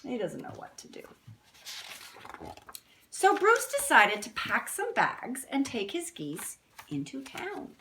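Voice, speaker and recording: A woman with a high voice and huge pitch swings reads a picture book to young children, taking it slowly and pausing often. She explains things simply and asks the kids questions, with a noisy background behind her.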